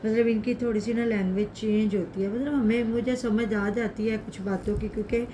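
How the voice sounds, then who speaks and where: A woman's voice: on the high side, steady tone, moderate pace, dark tone, slight background noise. A middle-aged woman from Pakistan, chatting casually and explaining customs at length. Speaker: co-host commenting on vlogs. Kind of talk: casual chat.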